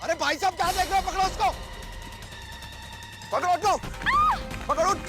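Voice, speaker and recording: An actor playing an angry man in a crowd who shouts and scolds while chasing a young thief in a sitcom scene. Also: extremely high pitch, normal speed. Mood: angry shouting. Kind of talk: sitcom acting. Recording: background music under dialogue.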